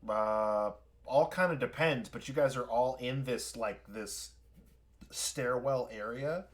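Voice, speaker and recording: A man's voice: medium pitch, slow. Rambling male game master. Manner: rambling, filler-heavy narration. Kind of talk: narrating a tabletop game. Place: home, streaming.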